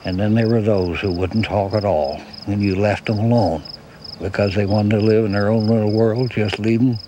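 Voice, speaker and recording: A man's voice: fairly low pitch, fairly even intonation, moderate pace, noisy background. An older American man telling oral-history recollections, leaning on repeated phrases for emphasis. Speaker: interviewee. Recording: loud outdoor ambience with insects.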